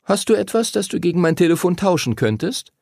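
A man doing a calm clever boy. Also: high voice, brisk, breathy edge, dry recording, studio quality, pitched above the performer's own voice, heavily acted. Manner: reasonable, soothing.

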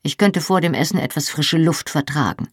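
A reader voicing a wry, teasing pregnant young woman in an audiobook, her lines pitched a little higher than the narration. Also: moderate pace, slightly rough, dry recording, studio quality, lightly acted.

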